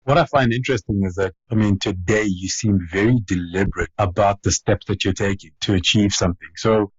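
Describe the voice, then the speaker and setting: A male podcast host with a husky, fairly low voice asks thoughtful questions, hedging and restarting as he feels his way toward the point. The sound is dull and lo-fi, and it is close and dry. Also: brisk, dry recording. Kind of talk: interview questions and scripted intro.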